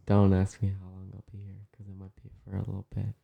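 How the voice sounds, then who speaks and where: A man's voice: low voice, monotone, fast talker, creaky, muffled recording. A young man on a podcast as a guest, talking casually and laughing often. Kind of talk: casual chat.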